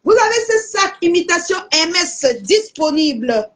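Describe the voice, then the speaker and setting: High-voiced Cameroonian woman selling live. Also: measured pace. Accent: Cameroonian French. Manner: lively, addresses viewers as aunties. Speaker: live seller. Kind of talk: casual live-stream sales chat.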